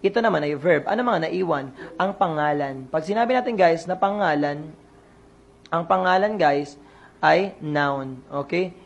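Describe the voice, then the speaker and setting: Speaking a little slowly, a coach runs an online exam review, questioning the audience and echoing each answer back. The voice sits mid-pitch with a rough, gravelly fry, and the audio sounds dull.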